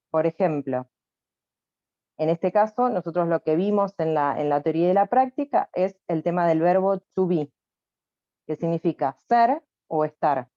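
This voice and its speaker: Low-voiced Argentine woman teaching an online class. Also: no echo, dull audio. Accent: Argentine Spanish. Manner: patient, repetitive explaining with many fillers. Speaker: English teacher. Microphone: computer mic on a video call.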